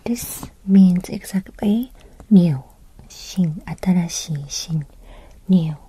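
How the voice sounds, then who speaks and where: A woman with a Japanese accent gives a soft-spoken language lesson in a breathy whisper, using short, simple, gentle phrases. Her voice is lowish and slow, and the audio quality is poor.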